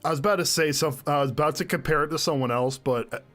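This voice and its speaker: A man's voice: fairly high pitch, quick pace, a bit bright, faint music behind. A man joking and laughing as he plays a courtroom game with a friend. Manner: giggly, joking. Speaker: game streamer. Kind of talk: casual game commentary.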